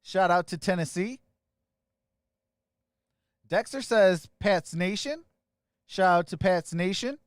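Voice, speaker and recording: A man hosting a sports live stream, casually greeting viewers by name and giving shout-outs as he reads their comments. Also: high voice, animated, slow pace, long pauses, smooth, no echo, studio quality.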